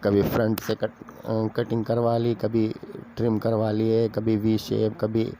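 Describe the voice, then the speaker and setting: A man's voice: lowish voice, completely flat delivery, unhurried, mellow, slight background noise. A man casually telling an office story aloud, acting out the characters' dialogue in a chatty way. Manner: chatty, acts out dialogue with raised voice.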